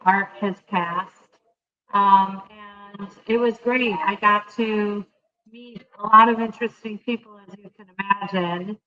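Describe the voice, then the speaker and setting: A woman's voice: mid-range voice, steady tone, unhurried, bright, forceful tone, dull audio. A woman guest who works as a hypnotist, speaking with many hesitant ums while her voice keeps cutting in and out over a remote call line. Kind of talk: casual interview answers.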